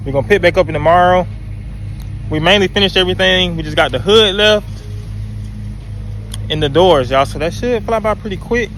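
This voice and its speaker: A man's voice: a little high, fairly bright tone, a little hiss or hum, rough recording. A young man talking casually to his phone camera outdoors, saying "y'all" and "man" a lot while he works on his Jeep. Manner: laid-back, keeps saying "y'all" and "man". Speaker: vlogger removing his Jeep's vinyl wrap.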